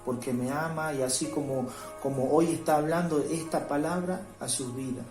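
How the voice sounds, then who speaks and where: A man preaching a home devotional sermon. He reads scripture slowly and keeps checking in with his listeners by asking "¿sí?". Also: on the high side, a little mellow. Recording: roomy echo with faint music.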